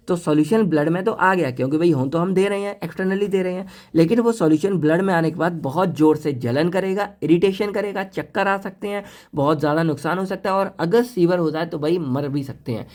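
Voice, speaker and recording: एक पुरुष pharmacy lecturer, जो बातचीत भरे अंदाज़ में छात्रों को सीधे संबोधित करते हुए पढ़ाते हैं और हिंदी में अंग्रेज़ी शब्द मिलाते हैं।. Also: male voice, on the high side, brisk, few pauses, a little mellow. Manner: chatty teacher mixing Hindi and English terms; addresses students directly and playfully. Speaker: pharmacy lecturer. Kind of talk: casual classroom lecture.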